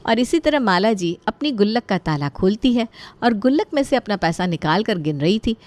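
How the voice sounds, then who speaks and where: A woman narrating a comic bedtime story in a lively, playful way. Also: mid-range voice, moderate pace.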